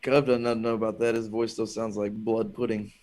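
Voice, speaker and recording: A man's voice: fairly low pitch, flat delivery, moderate pace, darkish tone. A man from Alabama, a comedian guest, chatting casually on a podcast with a laid-back, self-deprecating manner.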